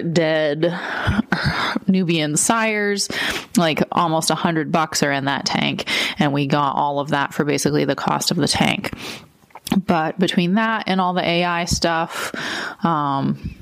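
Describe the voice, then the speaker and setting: A woman giving a casual solo podcast monologue, informal and rambling as she thinks aloud. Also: low voice. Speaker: podcast host.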